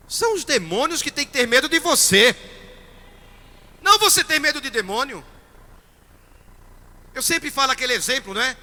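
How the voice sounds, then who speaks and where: A man's voice: extremely high pitch, pushed and bright. A man with a Brazilian Portuguese accent, a priest preaching a sermon and emphatically questioning his congregation. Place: church. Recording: reverberant church hall.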